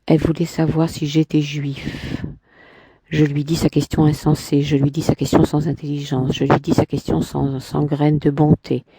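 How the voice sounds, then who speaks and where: A woman reading a novel aloud in a measured literary manner, sometimes stopping to restart a line. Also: deep voice, level tone, warm tone, slightly rough, no echo.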